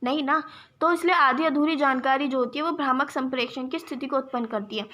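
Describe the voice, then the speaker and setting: A woman's voice: high voice, a little fast, pushed and bright. A young woman teaching an exam-prep lesson, explaining step by step and checking in with her viewers as friends. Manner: addresses viewers as "friends", gives examples.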